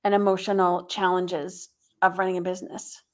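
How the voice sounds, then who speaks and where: A woman's voice: fairly low pitch, level tone, normal speed. A middle-aged woman speaking as an interview guest and therapist, explaining things in a casual, conversational way. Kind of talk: casual interview, telling a career story.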